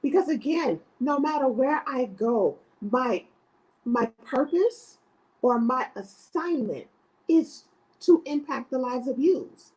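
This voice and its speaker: A woman's voice: high-pitched, lively intonation, slow, darkish tone, slightly rough, poor audio. A middle-aged woman from South Florida, an educator speaking as a podcast guest in an earnest, emphatic way, often adding "right?". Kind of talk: podcast interview.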